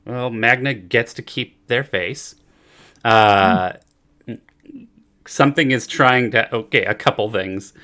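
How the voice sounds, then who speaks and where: A man's voice: mid-range voice, takes it slowly, pauses often, bright, forceful tone. A man running a tabletop game as game master, narrating casually and off the cuff with joking asides.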